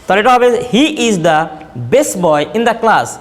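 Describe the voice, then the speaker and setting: With a Bangladeshi accent and a high, expressive voice, a man teaches spoken English, slowly repeating example words to contrast their pronunciation. The recording has a long reverb.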